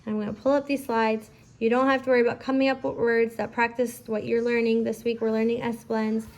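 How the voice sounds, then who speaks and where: A woman teaching a phonics lesson casually, giving slow school dictation with repeated words and prompts for a child. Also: a little high, little pitch movement. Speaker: home phonics teacher, parent-style instructor.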